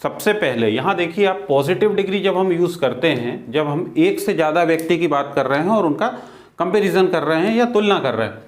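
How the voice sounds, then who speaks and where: A man with an Indian accent teaching a spoken English lesson, explaining patiently and repeating words for drill. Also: high voice.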